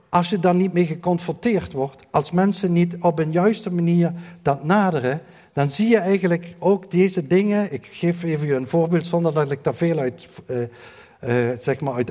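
Male preacher, slightly high voice, earnest and repetitive, long church-hall reverb. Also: dark tone. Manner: earnest, repetitive emphasis with frequent fillers. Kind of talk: sermon.

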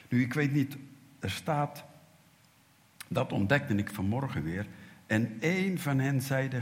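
A man preaches with a low, deep voice. He tells the story vividly, voicing its characters and swinging from loud to a hushed whisper. The church around him carries a long, trailing reverb. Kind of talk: sermon.

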